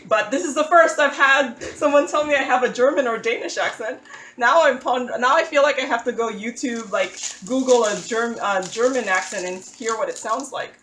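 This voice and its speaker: A woman from the Philippines who hosts a crafting channel chats casually in a voice-over while working on a craft at an indoor table, walking through her setup with self-deprecating humor and small restarts. Her voice is a little high and a bit bright, at a moderate pace. The room is echoey, with slight background noise and low recording quality.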